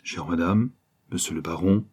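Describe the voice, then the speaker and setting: A man's voice: deep voice, normal speed, darkish tone, slightly rough. A man voicing a naive young private detective who is pompous and easily flustered. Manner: stammering, pompous then panicky.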